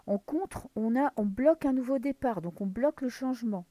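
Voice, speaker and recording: A woman's voice: fairly high pitch, normal speed, dark tone, no room sound. A woman from France giving a casual tarot reading to camera, thinking aloud as she draws cards and sometimes dropping to a whisper. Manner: muses aloud while drawing cards, drops into whispers. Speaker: tarot card reader.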